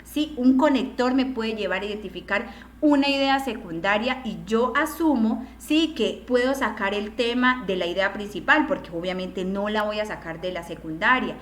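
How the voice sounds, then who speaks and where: A woman's voice: medium pitch, moderate pace, roomy sound, slight background noise. A woman teacher lecturing an online class, explaining step by step and often checking in with questions.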